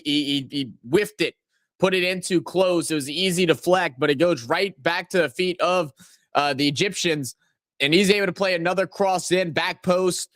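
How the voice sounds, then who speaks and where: A man hosts a live match watch-along, mixing loose play-by-play with shout-outs to his chat. His voice sits a little high, and he talks in a casual, rambling way. The recording is dry and close, with no room sound. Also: no echo.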